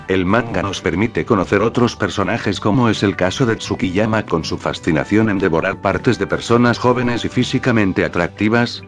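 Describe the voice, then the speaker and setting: A man narrating a scripted analysis video in a formal, measured reading style. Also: lowish voice. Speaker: video essayist. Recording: soft music underneath.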